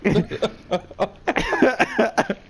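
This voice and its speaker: Laid-back slow-talking male gamer. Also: high voice, wildly swooping pitch, vocal fry. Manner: laughs often, easygoing banter with teammates. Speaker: gamer streaming his match. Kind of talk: casual gaming chat.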